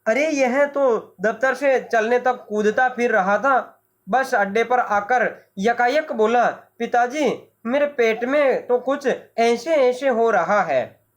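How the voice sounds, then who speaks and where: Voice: mid-range voice, takes it slowly, natural voice. A teacher voicing a puzzled father who insists his son ate nothing unusual, matter-of-fact in tone. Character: puzzled father of a sick boy.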